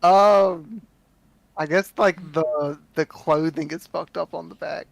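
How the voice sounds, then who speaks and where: Gravelly, high-voiced man playing a tabletop game. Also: fairly even intonation, slow pace, dry recording, low-quality recording. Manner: hesitant, casual, swearing. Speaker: player.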